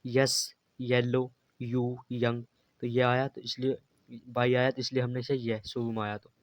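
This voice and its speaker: A man's voice: mid-range voice, monotone, a little slow, no echo. A man teaching a beginners' English phonics lesson, patiently spelling words out letter by letter and repeating them. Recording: dry, slightly dull lo-fi recording.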